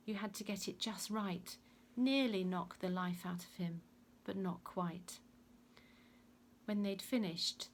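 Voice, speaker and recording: A woman narrates a Bible story at an even, moderate pitch. Her delivery is measured and deliberate, like a scripted reading, and a faint noise sits beneath her voice. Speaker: reader.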